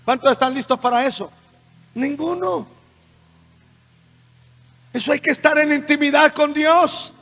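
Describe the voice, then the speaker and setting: High-voiced preaching man in a hall. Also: steady tone, a little slow, pauses often. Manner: impassioned preaching with swings between shouting and quiet. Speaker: pastor. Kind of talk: sermon. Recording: music underneath, long reverb hall.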